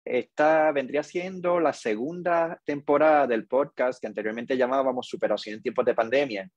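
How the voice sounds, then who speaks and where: Measured podcast host. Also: male voice, mid-range voice, no echo, lo-fi sound. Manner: slow, measured and earnest. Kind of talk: reflective podcast monologue.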